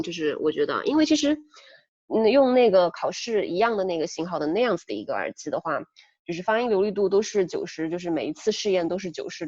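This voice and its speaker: A woman's voice: medium pitch, a little mellow, no room sound, highs cut off. A young woman tutoring for an English test, explaining in a chatty way with many fillers, talking through a headset. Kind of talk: casual spoken lesson.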